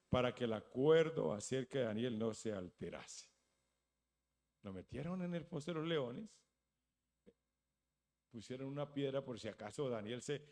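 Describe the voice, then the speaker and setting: A man preaching a sermon as pastor, retelling a story with dramatic, loud acted-out lines and frequent restarts. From Spain. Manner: dramatic storytelling, acting out quoted lines with rising pitch and volume; slow, deliberate delivery with stumbles and restarts.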